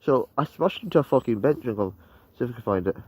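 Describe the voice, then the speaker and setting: Out on a snowy road, an eighteen-year-old male vlogger chats loosely, cursing and laughing through his rambling. He talks fast in an animated, mid-range voice, and there's a slight hiss or hum behind him.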